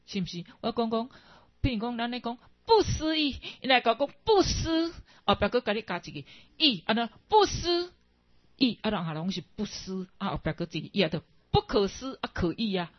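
A woman's voice: medium pitch, lively intonation, fairly quick, dry recording. A woman with a Taiwanese accent teaching in a Buddhist dharma talk, rambling, slipping into Hokkien and tagging phrases with particles. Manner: digressive, mixes in Hokkien, frequent tag particles. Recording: dull, lo-fi dry recording.

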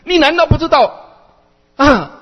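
A man's voice: extremely high pitch, animated, unhurried, pitched above the performer's own voice. A man voicing a stern male bodhisattva teacher who scolds his pupil in a sing-song, exasperated way, heard in a dull, echoey hall recording. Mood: scolding.

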